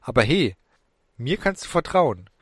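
A man's voice: mid-range voice, very animated, a little slow, breathy edge, dry recording, clean studio sound, voice pushed up, full character voice. A man voicing a taunting young demon. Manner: falsely gentle, taunting, boastful. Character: cocky young male demon, bloodthirsty, mocking parasite.

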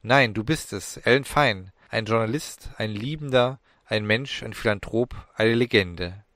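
A solemn woman's ghost from a fantasy audiobook, gentle and prophetic, speaking with calm certainty, as a male narrator puts her on. The voice sits low and the recording is dry and close. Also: a little slow, no echo. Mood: soothing.

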